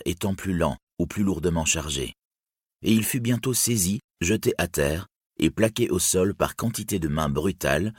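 A man narrating an audiobook in a very deep, husky voice. His reading is measured and solemn. The sound is dry and close. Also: dry recording.

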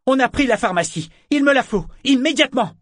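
A man's voice: fairly high pitch, fairly quick, no echo, clean studio sound, voice pushed up, lightly acted. A man putting on a fierce, icy woman pirate. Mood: commanding. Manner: cold, sharp, commanding.

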